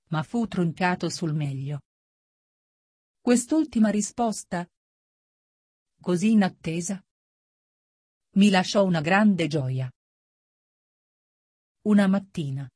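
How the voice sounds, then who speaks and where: A woman reading a first-person narration at a slow, measured pace. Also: mid-range voice, warm tone, no echo, clean studio sound. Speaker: audiobook reader.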